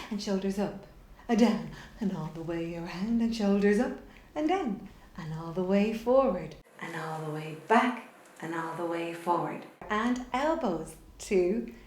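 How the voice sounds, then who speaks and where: A middle-aged woman with a slightly mellow, mid-range voice and lively intonation takes her time presenting a children's theatre workshop. In this instructional video she explains simply and cheers the kids on through warm-up exercises. She's indoors in a bare, echoey room at home.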